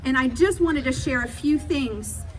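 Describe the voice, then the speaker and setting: A middle-aged woman giving an earnest, emphatic public speech at a protest, partly off the cuff, phrasing deliberately and repeating for effect. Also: high voice, expressive. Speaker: speaker at a protest rally. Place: public rally, speaking to a gathered crowd. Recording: distant mic, noisy outdoor rally sound.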